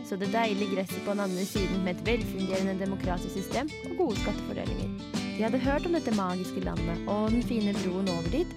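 A woman radio host narrating a satirical fairy tale deadpan, delivering dark jokes matter-of-factly. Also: medium pitch. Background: loud guitar music.

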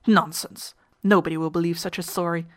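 A woman's voice: lowish voice, fairly even intonation, a little fast, close to an everyday voice. A woman voicing a stern male ship captain who speaks in a brusque, commanding way.

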